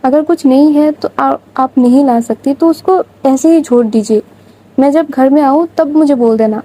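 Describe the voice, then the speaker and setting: A woman voicing a short-tempered young woman boss who talks in a quick, scolding way. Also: sits high, dark tone, close to an everyday voice, rough recording. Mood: impatient. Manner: scolding, rapid and impatient.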